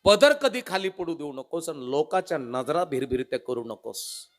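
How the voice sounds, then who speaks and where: A man's voice: on the high side, expressive, moderate pace, close to an everyday voice. A man voicing a tender old village mother who pleads with her daughter, his voice breaking with emotion. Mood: earnest.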